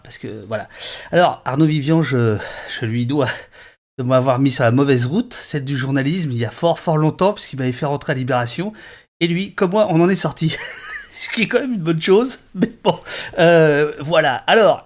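A man hosting a casual live stream, stammering and repeating his words in quick bursts. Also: mid-range voice. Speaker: livestream host.

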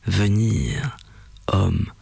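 A man voicing a hulking, sorrowful turtle-man creature who speaks in broken, halting phrases with a rocky, rumbling voice. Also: animated, gravelly, darkish tone, slightly rough, full character voice. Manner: halting two-word phrases.

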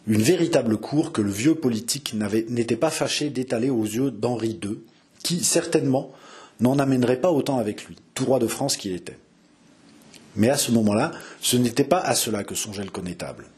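Male audiobook narrator, measured expressive storytelling, mid-range voice. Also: medium pitch, slightly rough.

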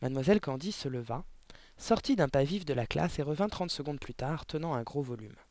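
A man narrating a children's audiobook in an expressive storytelling manner. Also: fairly high pitch, a little fast, no room sound. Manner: expressive storytelling with character voices.

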